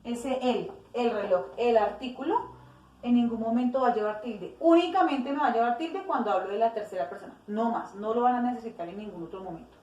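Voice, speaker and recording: A woman with a fairly high voice teaches a grammar lesson and walks through the rules one step at a time. She stops to correct herself and acts out short example phrases. She is recorded from a distance in a room with a roomy echo. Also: brisk, darkish tone.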